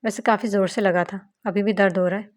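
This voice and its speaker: A woman voicing a playful, teasing young husband in an audiobook novel reading, with quick banter. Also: mid-range voice, steady tone, natural voice.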